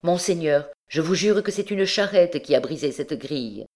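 A woman's voice: normal speed, darkish tone, close to an everyday voice. A woman doing a frantic old recluse woman. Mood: pleading. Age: older. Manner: pleading, high and strained.

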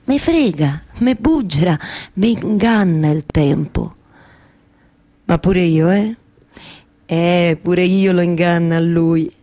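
An actress playing Penelope, a lovelorn, obsessive waiting wife, in a theatrical monologue with a Roman accent, halting and repeating her words like an incantation. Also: medium pitch, darkish tone, exaggerated voice. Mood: wry, defiant. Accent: central Italian, Roman. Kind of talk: theatrical dramatic monologue with live music.

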